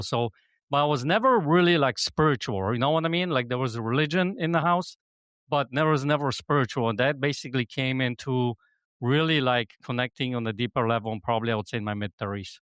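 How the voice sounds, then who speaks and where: A man's voice: mid-range voice, quick pace, fairly bright tone, clean tone, dry recording. Rambling middle-aged man from Poland, dry sound. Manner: rambling, leans on "you know what I mean". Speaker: podcast guest, business coach. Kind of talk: casual conversation.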